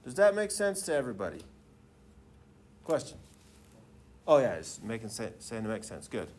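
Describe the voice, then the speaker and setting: A man's voice: mid-range voice, huge pitch swings, moderate pace, darkish tone, slight background noise. A man teaching a class in the manner of a professor lecturing, informal and often checking in with students through questions.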